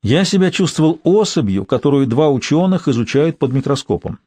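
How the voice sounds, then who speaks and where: A man narrating a literary audiobook in a measured storytelling manner. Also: a little high, lively intonation, warm tone, dry recording.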